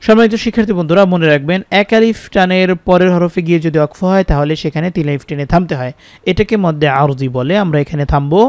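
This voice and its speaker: A man with a Bangladeshi Bengali accent teaching Quran reading, spelling each word letter by letter and then chanting the verses slowly. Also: fairly high pitch, a little mellow, no echo. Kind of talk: spelled-out Quran recitation lesson.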